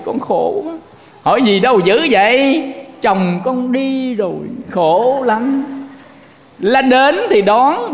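A man's voice: sits high, fairly bright tone. A man giving a Buddhist sermon, folksy and joking, often asking the audience for agreement. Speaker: Buddhist teacher. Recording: long hall reverb.

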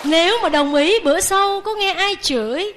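A woman, a Buddhist nun, giving a lively sermon and asking the audience questions. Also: very high-pitched, moderate pace.

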